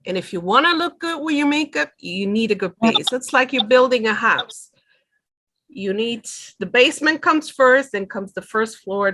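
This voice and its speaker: A middle-aged makeup artist from Switzerland, earnestly explaining things step by step in a webinar over a video call. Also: female voice, mid-range voice, fairly bright tone. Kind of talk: webinar talk.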